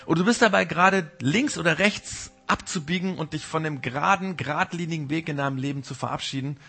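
Bright, gravelly-voiced German-speaking preacher. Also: male voice, on the high side, quick pace. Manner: informal direct address to the congregation; mimics the Holy Spirit's gentle warning. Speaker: pastor. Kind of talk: sermon.

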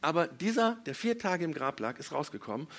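A man leading a children's church service, telling a Bible story in a lively way and acting out the quotes with big swings in loudness. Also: fairly high pitch, fairly quick.

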